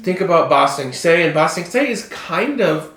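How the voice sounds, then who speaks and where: A man in casual podcast chat, circling his points and restarting sentences as he thinks aloud. His voice sits a little high and rings in a roomy, echoey space. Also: animated, normal speed, fairly bright tone. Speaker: podcast co-host. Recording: roomy echo.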